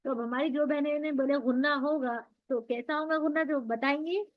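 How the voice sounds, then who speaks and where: A woman with a high, steady voice teaches Quran recitation rules in an online class at a brisk pace. She explains patiently, posing questions and answering them herself, and the audio is dull and lo-fi.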